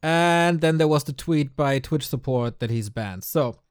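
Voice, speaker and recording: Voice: mid-range voice, a little slow, clean tone. A co-host chatting casually on a podcast, laughing often and sounding upbeat. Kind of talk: casual chat.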